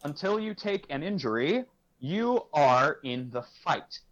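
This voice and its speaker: A man's voice: on the high side, lively intonation, unhurried, highs cut off, slight background noise. A man doing a breezy, distracted league professor. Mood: instructing. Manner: breezy and distracted, trailing off and muttering. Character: offhand male professor overseeing a battle league.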